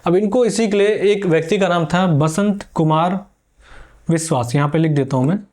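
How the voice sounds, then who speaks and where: Storytelling male history teacher, higher voice. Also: moderate pace, a little mellow. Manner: storytelling, explanatory, answers viewer questions. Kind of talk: exam-prep history lesson.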